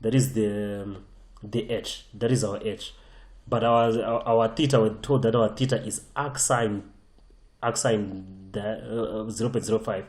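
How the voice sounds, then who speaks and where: Guy tutoring physics, dark mellow voice, keeps repeating stuff to drive it home, roomy echo. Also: lowish voice, fairly even intonation, measured pace. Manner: repeats and restarts phrases, emphatic. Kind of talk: whiteboard lesson.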